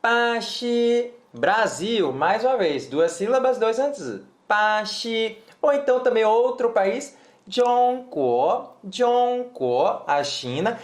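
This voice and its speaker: A woman with a Brazilian Portuguese accent co-teaching a Mandarin lesson, demonstrating syllables and repeating each word slowly for students. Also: fairly high pitch, lively intonation. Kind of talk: co-taught language lesson. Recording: roomy echo.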